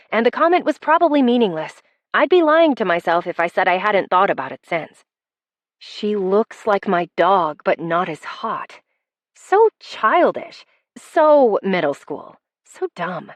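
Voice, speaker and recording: A woman's voice: a little high, no echo. A woman narrating a first-person romance audiobook in a wry, conversational storytelling manner.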